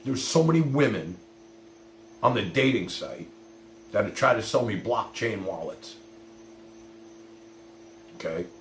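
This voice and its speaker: A middle-aged livestream host chats casually with live viewers, telling personal stories in a blunt, rambling way full of swearing and "you know." His voice sits on the low side, a bit bright and animated, with an unhurried pace and long pauses. The recording has a roomy echo with faint hum and noise.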